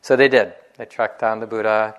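A man, a meditation teacher, giving a dharma talk in a relaxed, conversational storytelling way with light laughs. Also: on the low side, normal speed.

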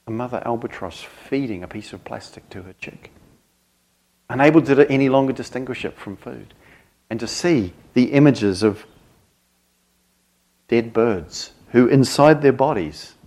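A man speaking as a Dharma teacher to a group, earnest and reflective, in short halting phrases with thoughtful pauses. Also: mid-range voice, a little mellow. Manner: grave, earnest. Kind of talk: reflective spoken talk to a group.

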